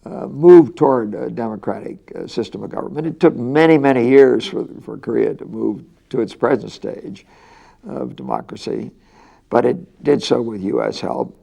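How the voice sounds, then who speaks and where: Older male interviewee, deliberate and pausing for words, mellow, heavy vocal fry. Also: medium pitch, expressive. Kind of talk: measured interview answers.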